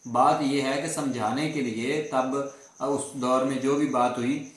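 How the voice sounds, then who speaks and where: A man from Pakistan comments on a clip in a mid-pitched, rambling voice, pausing often and filling the gaps. His room rings with heavy echo. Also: fairly even intonation. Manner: rambling, hesitant, many fillers. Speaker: reaction video host. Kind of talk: reaction commentary. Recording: echoey room.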